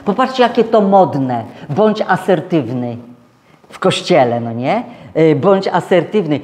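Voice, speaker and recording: A man's voice: very animated, a little slow, in a large hall. A man preaching a conversational sermon as pastor, speaking straight to his congregation and acting out the voices he quotes. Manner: acts out quoted voices higher and louder. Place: church hall.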